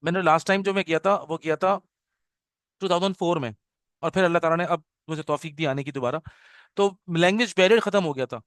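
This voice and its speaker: A man's voice: on the high side, a bit bright, smooth, no room sound, clean studio sound. A middle-aged man teaching an online class orientation, switching between Urdu and English and checking in with his students often. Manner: mixes English into Urdu, keeps checking with "okay?". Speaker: Arabic teacher. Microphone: video call.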